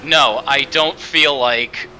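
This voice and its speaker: Casting: male race host, very sharp bright voice, casual commentary, faint engine noise behind. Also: medium pitch, steady tone, slow pace, rough recording. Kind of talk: casual live sim racing commentary.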